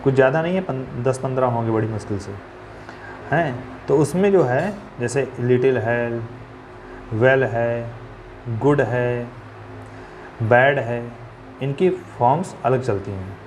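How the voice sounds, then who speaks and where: A man's voice: mid-range voice, takes it slowly, long pauses, a little mellow, slight background noise. Man patiently teaching grammar, spelling words out. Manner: asks questions then answers them himself. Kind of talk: classroom grammar lesson.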